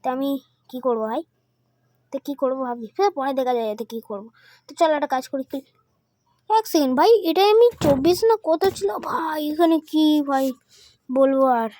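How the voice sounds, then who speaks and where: A woman doing excited gameplay commentary, dropping Hindi phrases in as she counts and clicks. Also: sits high, fairly quick. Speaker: gaming channel host.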